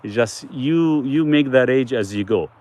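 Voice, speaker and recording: A man's voice: mid-range voice, lively intonation, unhurried, a little mellow. A man hosting a casual live stream, answering viewers' questions in a loose, rambling way with frequent restarts.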